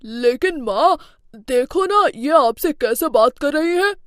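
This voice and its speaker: A woman's voice: high voice, lively intonation, takes it slowly, no echo, clean studio sound. A woman voicing a young husband who firmly backs his mother in a cartoon story. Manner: firm, reproachful.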